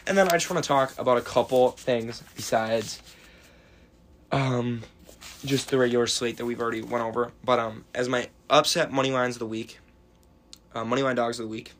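A man's voice: mid-range voice, fairly even intonation, normal speed, fairly bright tone, slight background noise. A young American man hosting a casual sports betting chat, talking like a frat bro with slang, swearing and banter. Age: young adult. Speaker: sports betting podcast host.

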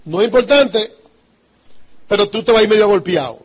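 Emphatic Dominican man, high voice. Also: expressive, brisk, breathy edge. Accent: Dominican Spanish. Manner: emphatic, repetitive, rhetorical questions. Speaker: business trainer. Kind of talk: motivational talk.

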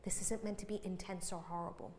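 A woman in her thirties preaching a sermon to a congregation, animated and self-mocking, acting out little quoted scenes. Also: mid-range voice, fast talker, a little hiss or hum. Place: church hall with congregation. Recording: church hall with long reverb.

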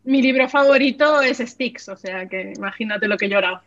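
A woman's voice: a little high, brisk, fairly bright tone, highs cut off. A woman in a casual book chat, talking in an earnest, explanatory way.

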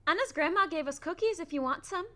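A woman voicing a kind young girl in an audio drama, gentle and coaxing. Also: very high-pitched, expressive, quick pace, a little hiss or hum, exaggerated voice.

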